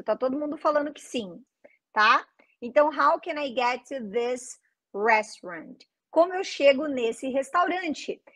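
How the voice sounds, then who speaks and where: A young woman with a bright, high Brazilian Portuguese accent leads an English lesson with lively, coaxing energy. She repeats each phrase slowly and urges her students to say it with her. The recording is dry and close. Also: no room sound. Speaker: English teacher. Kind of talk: online English pronunciation lesson.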